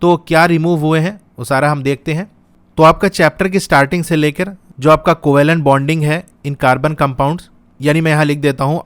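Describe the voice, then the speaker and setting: A man's voice: on the high side, clear, resonant tone, dry recording. A young man teaching, walking students step by step through a syllabus and checking in with them often. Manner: explains step by step, checks in with "ठीक है". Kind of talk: syllabus walkthrough lesson.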